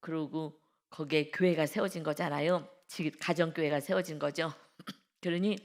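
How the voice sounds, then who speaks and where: A woman pastor preaching an early-morning sermon, emphatic and full of rhetorical questions to the congregation, moving between hushed lines and loud emphasis. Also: deep voice, steady tone, normal speed.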